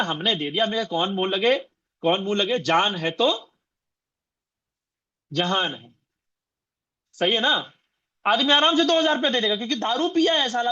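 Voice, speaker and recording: High, bright-voiced man giving a motivational talk. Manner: repeats phrases and fires rhetorical questions at the audience. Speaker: motivational business trainer. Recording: dull lo-fi recording.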